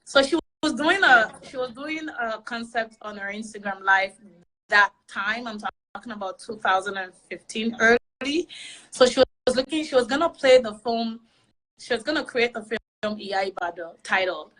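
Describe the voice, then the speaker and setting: A woman comedian telling her story in a casual interview, animated and laughing often as she acts out what people said. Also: a little high, moderate pace, poor audio. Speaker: guest comedian.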